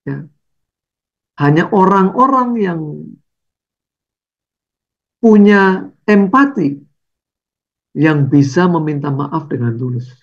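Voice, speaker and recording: Man, conversational sermon, slightly high voice, dull lo-fi sound. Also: expressive, measured pace, slightly rough. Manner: conversational, tags phrases with "ya" and "gitu". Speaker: preacher. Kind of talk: sermon with slides.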